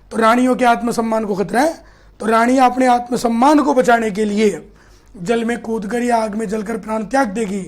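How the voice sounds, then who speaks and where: A middle-aged man with a Rajasthani accent teaches history in a live online class, reading student comments aloud and quizzing them in a chatty, teasing manner. His voice is extremely high-pitched with a darkish tone.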